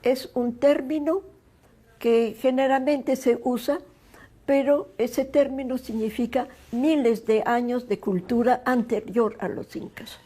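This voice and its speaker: A woman's voice: a little high, steady tone, a little slow, mellow. A woman historian explaining things thoughtfully in an interview, with small hesitations.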